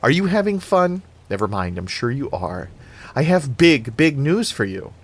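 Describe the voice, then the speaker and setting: A man's voice: medium pitch, very animated, normal speed, pitched above the performer's own voice. A man reading aloud and voicing a blunt, mocking teenage girl. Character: crude, sarcastic teenage girl.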